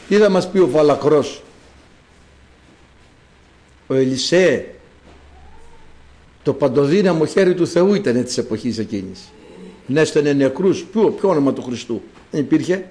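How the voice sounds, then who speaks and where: A man's voice: a little high, a little mellow. A man preaching a sermon, explaining words to the congregation and calling out quoted lines in a raised voice.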